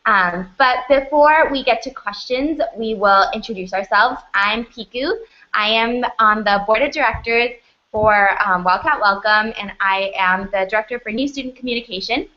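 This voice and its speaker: A woman's voice: a little high, moderate pace, pushed and bright. A young woman moderating a student panel, organized with a few fillers. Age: young adult. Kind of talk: hosting a panel. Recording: dull lo-fi audio.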